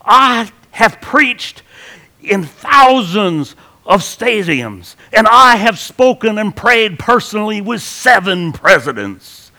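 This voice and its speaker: A man's voice: high-pitched, sing-song, slow, bright, forceful tone, pitched above the performer's own voice, exaggerated voice. A man voicing a pompous, boastful male televangelist with a Southern US accent. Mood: indignant.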